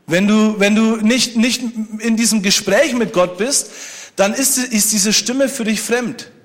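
A man's voice: sits high, measured pace. A man preaching a sermon, speaking conversationally and joking with the congregation. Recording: long hall reverb.

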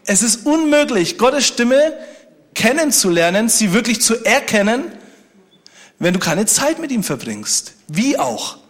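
A man's voice: extremely high pitch, very animated, unhurried. A man preaching a sermon, speaking conversationally and joking with the congregation. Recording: long hall reverb.

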